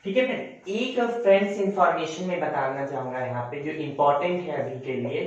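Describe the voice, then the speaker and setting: Fairly quick and slightly high-voiced, the young man teaches his coaching class lecture-style, circling back over points and amending what he says. He speaks to viewers as friends. The mic sits far off in a very echoey room, with dull sound.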